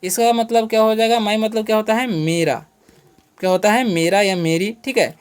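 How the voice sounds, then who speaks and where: A man's voice: high-pitched, steady tone, smooth. Male teacher-host, beginner English lesson: patient and repetitive, spells words out, asks and answers his own questions, keeps checking "okay". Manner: asks rhetorical questions and then answers them; fills pauses with a checking "okay".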